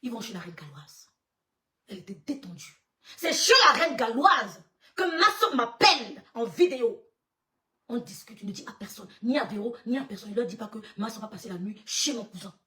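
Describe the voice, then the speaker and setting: A woman with a fairly high voice tells a long story to her live viewers, acting out the voices of the people in it. She laughs often and stops to greet people as they join. Her voice sounds a little distant from the microphone. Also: expressive, a little fast, bright, forceful tone. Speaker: livestreamer telling a story. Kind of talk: animated storytelling on a live stream.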